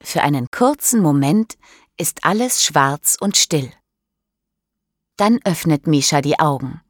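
A woman narrating a graded-reader audiobook slowly and deliberately in a studio. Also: low-pitched, expressive, dry recording. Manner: slow, clear, deliberate.

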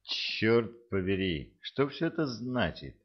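A hot-tempered private detective snaps out his words in a low voice, as a man reads him. He sounds agitated and prickly, never calm for long. The recording is muffled and lo-fi. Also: slow pace. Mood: irritated. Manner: snappish, agitated. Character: irritable, excitable male private detective.

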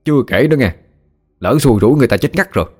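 A man's voice: medium pitch, lively intonation, slightly rough, pitched above the performer's own voice. A man voicing a cheeky, loose-tongued young male villager, in a read-aloud ghost story. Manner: blunt, gossipy, fast.

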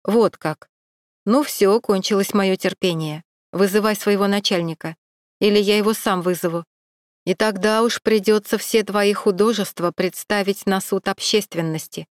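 A woman's voice: medium pitch, steady tone, normal speed, no echo, studio quality, lightly acted. A woman voicing a stern middle-aged police captain who questions coldly and with irony. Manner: cold, pressing, ironic.

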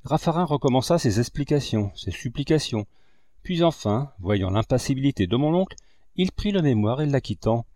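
Male audiobook narrator, expressive and dramatic; mellow tone, close dry mic. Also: mid-range voice, moderate pace, no echo. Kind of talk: audiobook reading.

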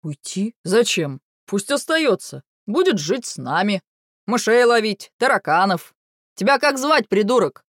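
A woman voicing an older male general with burred r sounds, furious and sarcastic, speaking slowly and bitingly. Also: mid-range voice, very animated, fairly bright tone, no room sound, studio quality.

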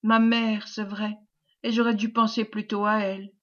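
A woman reading the lines of a gentle young fisherman, soft and quiet, on a dull lo-fi recording. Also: mid-range voice, level tone, normal speed, lightly acted. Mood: tender. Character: gentle young male fisherman, calm before death.

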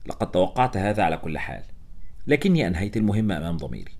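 A man with a low, deep voice reads a novel aloud in a steady, measured way. His delivery moves at a brisk, fast clip, like a practiced audiobook narrator.

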